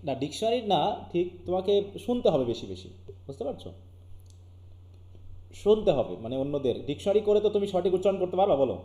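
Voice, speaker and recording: Fast-talking Bangladeshi teacher, echoey room. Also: male voice, high voice, big pitch swings, warm tone. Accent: Bangladeshi Bengali. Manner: keeps asking students questions. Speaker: English teacher. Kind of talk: live online class lecture.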